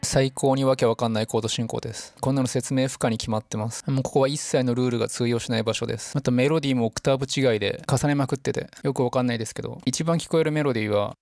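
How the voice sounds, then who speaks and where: Rapid-fire gravelly man explaining music. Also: mid-range voice, fairly even intonation. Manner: chatty, enthusiastic explaining. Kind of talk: music analysis commentary with piano demos. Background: piano and song excerpts.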